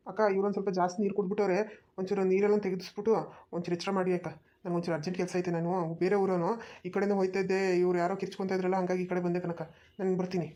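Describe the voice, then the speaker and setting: A woman's voice: fairly low pitch, level tone, very fast, warm tone, lightly acted. A woman voicing a helpful young village man in a cartoon who speaks earnestly and reassuringly. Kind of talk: cartoon voice acting. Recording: dull lo-fi recording.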